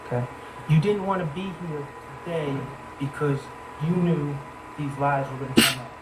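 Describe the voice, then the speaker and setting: A man working as a defense attorney, cross-examining a witness in court with measured, pointed questions that often end in "correct?". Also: fairly high pitch, heavy background noise.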